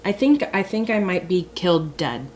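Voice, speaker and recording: A woman's voice: lowish voice, sing-song, normal speed, a little mellow, a little hiss or hum. A young woman talking casually while doing her makeup, chatty and dramatic, mocking herself. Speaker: beauty vlogger.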